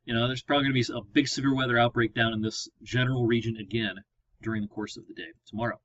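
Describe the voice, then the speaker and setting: A man's voice: mid-range voice, steady tone, rapid-fire, a bit bright, no echo. Easygoing man briefing on the weather. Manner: conversational, explains while clicking through maps. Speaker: meteorologist. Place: at a computer with weather maps. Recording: slightly dull lo-fi audio.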